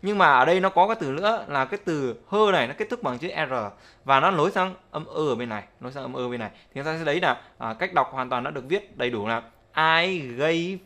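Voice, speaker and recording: A man's voice: a little high, expressive, fast, bright, forceful tone. A man teaching English pronunciation in a casual spoken lesson, explaining step by step and often checking that viewers follow.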